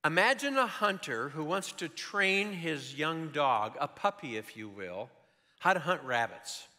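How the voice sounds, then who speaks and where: An older man preaching a sermon in a church, telling stories in an animated way with joking asides. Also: on the high side, measured pace. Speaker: pastor. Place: church sanctuary. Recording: long reverb of a large hall.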